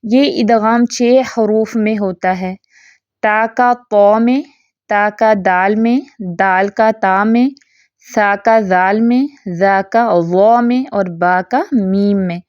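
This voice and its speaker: A woman teaching a Quran recitation lesson in speech, explaining rules patiently and reciting examples slowly. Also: mid-range voice, fairly even intonation, a little mellow, clear, resonant tone, dry recording. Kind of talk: online tajweed lesson. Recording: dry, slightly dull lo-fi recording.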